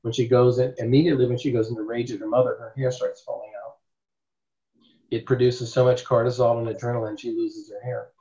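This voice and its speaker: A man's voice: mid-range voice, little pitch movement, fairly quick, warm tone. Emphatic man teaching, dull lo-fi sound. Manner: emphatic, rambling, asks rhetorical questions. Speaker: therapist teaching a class. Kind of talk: informal teaching talk. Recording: dull lo-fi recording.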